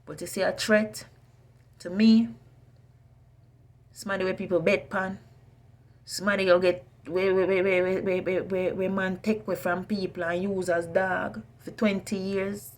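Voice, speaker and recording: A woman's voice: medium pitch, flat delivery, moderate pace. A woman chef with a Jamaican accent on a furious, indignant personal rant, emphatic and repeating phrases in heavy patois.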